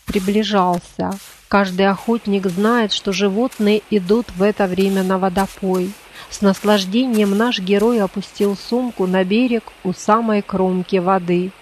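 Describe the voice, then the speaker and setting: A woman reading a folk tale aloud in an even, measured narrating voice. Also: medium pitch, slight background noise. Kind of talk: storytelling narration.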